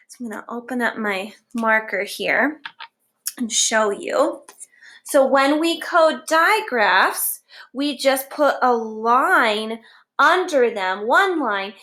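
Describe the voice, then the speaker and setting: A woman's voice: on the high side, sharp tone. A woman teacher giving a phonics lesson to young children, sounding out letters one by one and praising them as they go.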